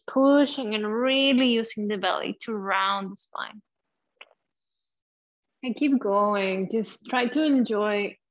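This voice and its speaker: A woman yoga teacher guiding a class, giving soft, unhurried breathing cues and gentle movement instructions. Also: mid-range voice, highs cut off.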